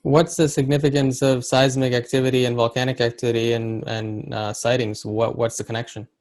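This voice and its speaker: Male interview host, gravelly tone, earnest, a bit hesitant. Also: mid-range voice, level tone, brisk, darkish tone. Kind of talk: interview hosting.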